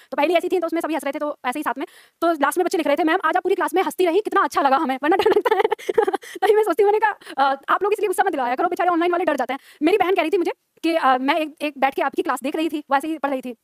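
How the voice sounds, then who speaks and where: Fast, high-voiced woman teacher. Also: dry recording, studio quality. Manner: chatty, laughing, addresses students directly. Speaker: Hindi teacher. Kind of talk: live classroom lesson chat. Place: classroom with students.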